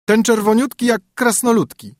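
A man's voice: very high voice, fairly even intonation, normal speed, dry recording, studio quality, pitched above the performer's own voice. A man playing a haughty, mocking young princess. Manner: sing-song, scornful rhyming.

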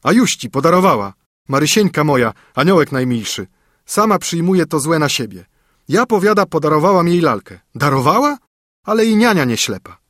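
A blustering old nanny, played by a man, pitched up and loud, hurling harsh accusations. Her voice is husky and the sound is close and dry. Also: very animated, normal speed, no room sound. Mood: indignant.

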